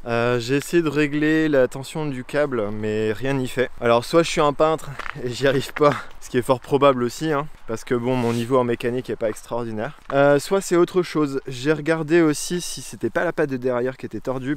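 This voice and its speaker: A man's voice: mid-range voice, slight background noise. A young man vlogging casually about his bike trip outdoors, rambling and hesitant with many fillers. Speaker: cycling travel vlogger. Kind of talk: casual vlog chat to camera.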